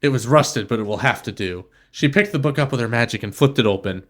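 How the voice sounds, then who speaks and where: A man's voice: mid-range voice, expressive, quick pace. Man sarcastically reading fan fiction aloud. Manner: sardonic asides, laughing interruptions. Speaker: podcast host.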